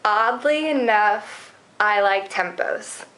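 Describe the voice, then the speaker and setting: A woman's voice: medium pitch, slow, a bit bright, poor audio. A 22-year-old woman, a college runner, giving casual, hesitant interview answers with many fillers. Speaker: college cross-country runner.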